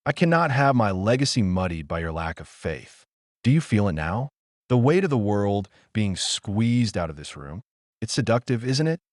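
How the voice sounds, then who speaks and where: A man with a voice on the low side performs a scripted audio drama monologue as a deranged, pious, controlling middle-aged father. He sounds sanctimonious and coldly self-justifying, speaking in short, emphatic phrases. The studio sound is clean, with no echo.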